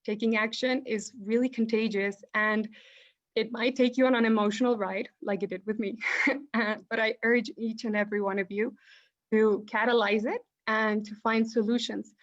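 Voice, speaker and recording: A woman's voice: fairly high pitch, fairly even intonation, normal speed. A young woman from Mexico closing a talk as a guest speaker, earnest and urgent. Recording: dull lo-fi call audio.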